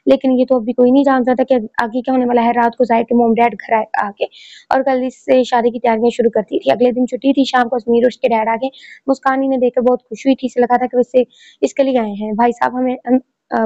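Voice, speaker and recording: A woman reads a romance story aloud at a steady pace, now and then correcting herself. Her voice sits fairly high, with a mellow tone. The recording is dry and sounds dull and lo-fi. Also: dry recording. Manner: steady reading with small slips and restarts.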